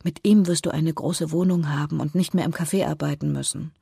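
A reader voicing a gentle, caring younger sister in an audiobook, speaking softly and comfortingly. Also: mid-range voice, steady tone, a little fast, gravelly, husky, no room sound, clean studio sound, full character voice. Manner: soft, comforting. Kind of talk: audiobook character voice.

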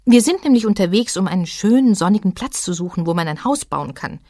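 Storybook figure: gentle, soothing mother troll, close to the reader's own voice; a woman voices it. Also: medium pitch, animated, a little fast, dry recording. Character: calm caring mother troll.

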